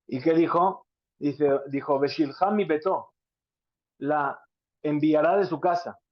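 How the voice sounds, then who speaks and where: Male Talmud teacher, slightly high voice, questioning style, dry muffled recording. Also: slow pace, no room sound. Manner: rhetorical questions, explains Hebrew terms. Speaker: Torah teacher. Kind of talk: Talmud class lecture. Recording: dry, dull lo-fi sound.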